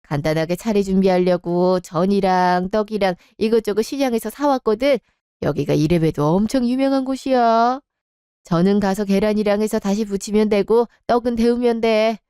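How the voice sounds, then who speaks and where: A woman voicing a kind, caring mother in a radio drama, gentle and urging. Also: medium pitch, moderate pace, smooth, dry recording, clean studio sound, natural voice.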